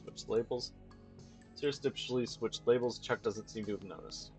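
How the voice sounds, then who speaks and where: A man's voice: medium pitch, normal speed, darkish tone, soft background music, low-quality recording. Man reading game text with slips. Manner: plain reading with slips and restarts. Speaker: let's play host.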